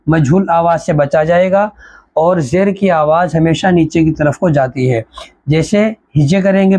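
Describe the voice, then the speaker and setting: A woman teaching Qur'an reading, spelling out letters and syllables in a measured drill. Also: on the low side, warm tone.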